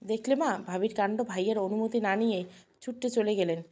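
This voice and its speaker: A woman's voice: mid-range voice, a little fast, darkish tone, lightly acted. A woman voicing a bitter, scheming aunt in an audio story, complaining in a whining, resentful way. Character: bitter scheming aunt, jealous for her son.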